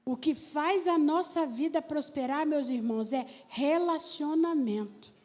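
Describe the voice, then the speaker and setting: Woman pastor preaching, high voice, long echo of a church hall, chatty storytelling. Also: measured pace. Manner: animated storytelling preacher, talks to the congregation directly. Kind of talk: sermon.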